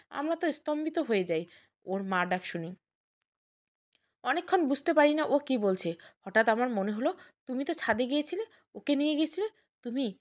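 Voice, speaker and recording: A woman voicing an anxious young sister-in-law in an audio story. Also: sits high.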